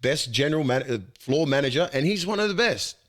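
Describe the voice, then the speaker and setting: An Australian man with a slightly higher speaking voice talks sport in a casual podcast chat. He is blunt and heated and swears freely as he vents. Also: expressive, fairly quick. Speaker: podcast host.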